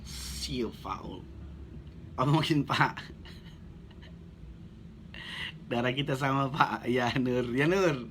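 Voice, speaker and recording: A man's voice: medium pitch, takes it slowly, a little hiss or hum. A man talking blunt and casual on a live stream, reading out viewer comments and joking as a network marketing coach. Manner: blunt, joking, chatty, laughs often.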